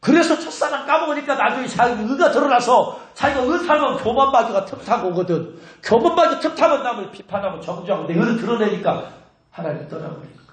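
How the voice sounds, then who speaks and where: Animated pastor preaching in an echoing church. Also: male voice, extremely high pitch, brisk. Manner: animated, scolding, talks straight to the congregation. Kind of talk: sermon. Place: church sanctuary. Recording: echoey church hall.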